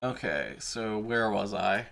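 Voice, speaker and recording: With a fairly low, gravelly, fairly bright voice, a man speaks slowly and expressively while chatting on a livestream as an eager fan. This streamer and video creator curses occasionally over background music.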